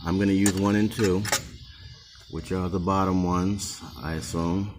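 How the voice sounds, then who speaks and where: Behind a handheld camera in an indoor room, an online seller casually demonstrates used goods, thinking aloud in a plain, hesitant, unscripted way. His voice sits low, with a steady tone and measured pace. Background noise includes music from the speakers he is testing.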